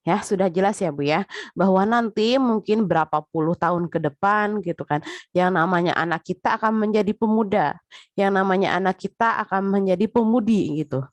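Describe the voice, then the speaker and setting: A woman's voice: mid-range voice, moderate pace, no room sound. A woman giving a casual spoken lecture, chatty, with frequent filler tags, talking straight to her listeners.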